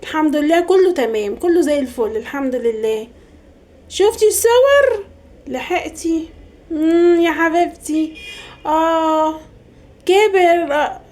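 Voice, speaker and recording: A woman's voice: extremely high pitch, animated, unhurried, long pauses. A woman with an Egyptian Arabic accent voicing a fussy, superstitious middle-aged mother in a comedy sketch, scolding and gossiping. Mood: gossipy. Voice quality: scolding, then hushed gossipy phone chatter.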